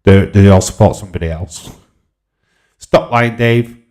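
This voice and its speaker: On his casual livestream, a man in his forties from Yorkshire reads out comments and replies with informal banter. His voice is on the low side with a darkish tone, he keeps a measured pace, and his accent is Yorkshire English.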